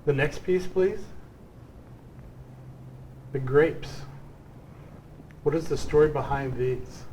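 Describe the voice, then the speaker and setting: A man's voice: a little high, slow pace, a little mellow, a little hiss or hum, low-quality recording. A man hosting an art showcase, chatting effusively with a guest about her paintings. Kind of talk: casual interview.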